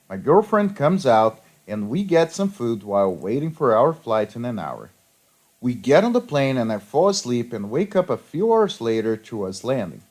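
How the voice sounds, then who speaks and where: A man's voice: medium pitch, darkish tone. A man reading petty revenge stories aloud, with a sarcastic storytelling manner. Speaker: story narrator.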